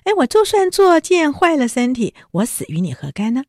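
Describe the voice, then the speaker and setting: A woman voicing a jealous, sharp-tongued young woman who answers in petulant retorts. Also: fairly low pitch, expressive, fast talker, gravelly, breathy edge, no room sound, studio quality, full character voice. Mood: sulky, jealous.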